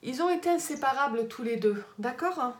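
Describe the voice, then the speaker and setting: Reassuring high-voiced woman medium. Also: animated, a little fast. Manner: reassuring, with many fillers and "d'accord, hein" checks. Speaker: medium giving a reading. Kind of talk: casual spiritual consultation. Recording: echoey room with crowd noise.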